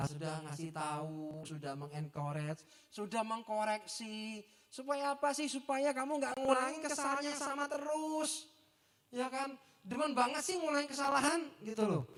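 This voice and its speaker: A man giving a lively youth sermon, chatty and acting out the quotes he tells. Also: sits high. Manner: animated, chatty, acts out quotes. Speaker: youth preacher. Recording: long church reverb.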